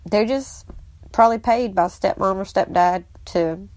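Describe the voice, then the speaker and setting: A woman's voice: medium pitch, unhurried. A woman, talking casually as a host and stepmom, telling family stories and giving advice. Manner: chatty storyteller, animated when quoting the kids.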